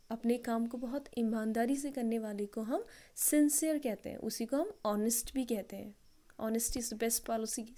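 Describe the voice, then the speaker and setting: A woman's voice: on the high side, warm tone. A woman teacher explaining English synonyms in Hindi, mixing in English example sentences and often checking with her students. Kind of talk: classroom-style vocabulary lesson.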